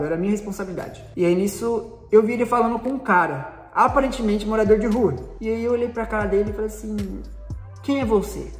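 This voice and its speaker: A man with a Brazilian Portuguese accent shares a personal faith testimony, telling it casually with plenty of slang and acting out the dialogue. His voice is high-pitched and a little mellow. The recording has a roomy echo with long reverb and faint music in the background.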